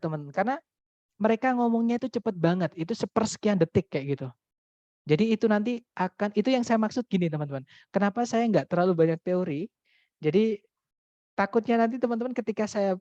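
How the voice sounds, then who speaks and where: A man's voice: sits high, darkish tone, no echo. A man teaching an English test-prep class online, reading out student questions and explaining casually. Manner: explains casually, answers students' chat questions read aloud. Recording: dull dry recording.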